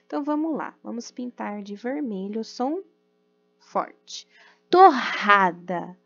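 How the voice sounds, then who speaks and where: A woman teacher with a Brazilian Portuguese accent, giving a recorded class to young children, patient and sounding out words slowly with many diminutives. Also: a little high, vocal fry, warm tone, dry recording. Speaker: primary school teacher. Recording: dull lo-fi audio with faint music.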